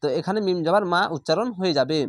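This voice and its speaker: A man teaching Quran reading, sounding out each word slowly and repeating it before explaining how to pronounce it. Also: high voice, dry recording. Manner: slow, patient, repeats each word drawn out. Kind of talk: recitation lesson, word-by-word.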